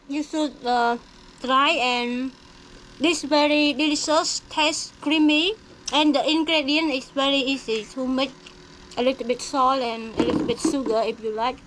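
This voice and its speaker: Young cambodian woman, khmer accent, broken english vlog chat, high voice, slow talk, a bit of faint noise behind. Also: fairly bright tone, rough recording. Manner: simple broken English, friendly address to viewers. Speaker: village life vlogger. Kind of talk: casual cooking vlog.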